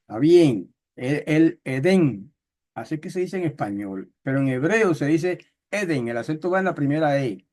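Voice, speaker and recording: A man leads a Bible study lesson in a measured, explanatory way, stopping often to check that his listeners follow. His voice sits a little high for a man, and he reads verses out slowly and carefully. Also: lively intonation, a little mellow. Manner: explanatory, with frequent fillers and checks like "¿ok?"; slow, careful reading of Hebrew text. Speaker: Bible teacher.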